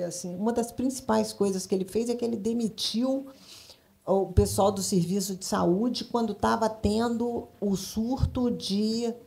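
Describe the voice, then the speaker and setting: A middle-aged woman from Brasília, Brazil, speaks emphatically on a stage at a public event as a panelist in a live discussion. An advertising professional, she has a medium-pitched, creaky, warm voice.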